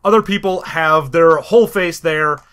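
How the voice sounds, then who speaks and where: A man's voice: a little high, moderate pace, a bit bright. A man co-hosting a podcast, casually explaining a game with dry jokes. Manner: laid-back, explaining, dry asides. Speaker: podcast co-host. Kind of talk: casual comedic chat.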